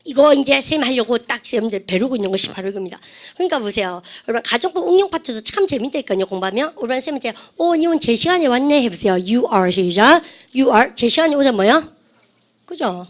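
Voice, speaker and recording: A middle-aged woman teaching English grammar in a lively lecture. She coaxes her students to repeat phrases after her and mixes chatty Korean asides with slow English drills. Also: on the high side. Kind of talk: lively classroom-style lecture.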